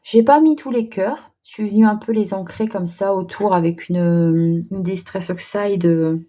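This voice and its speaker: Woman vlogger, mellow tone, chatty and halting, craft demo. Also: medium pitch, lo-fi sound. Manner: chatty, hesitant, many fillers and restarts. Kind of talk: casual craft demonstration.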